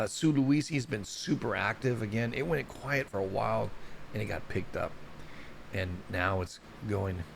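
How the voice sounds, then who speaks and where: A man's voice: lowish voice, creaky, slight background noise. A man hosting a casual solo news report on volcanoes, rambling and chatty, often stumbling over place names. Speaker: show host.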